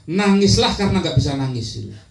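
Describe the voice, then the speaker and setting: A man giving a religious lecture in an animated way, sometimes dropping into soft prayerful murmurs. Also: a little high, fairly quick, creaky, reverberant, a little hiss or hum, low-quality recording. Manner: animated, shifts into soft prayerful murmurs when demonstrating zikir. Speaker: preacher.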